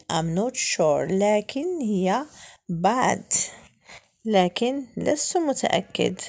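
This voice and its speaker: A woman with a Moroccan accent teaching a beginner English lesson, repeating each phrase slowly and deliberately for learners. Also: on the high side, warm tone.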